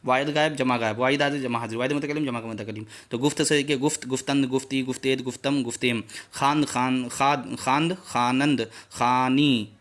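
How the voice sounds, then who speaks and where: A man's voice: medium pitch, steady tone, quick pace, hardly any pauses, a bit bright. A man teaching a Persian grammar lesson, saying each word and its meaning over and over as a drill.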